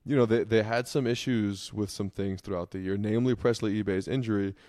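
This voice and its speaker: A man's voice: on the low side, steady tone, fairly quick, dark tone, no echo, studio quality. A man co-hosting a sports podcast, giving laid-back, casual analysis full of fillers. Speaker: podcast co-host.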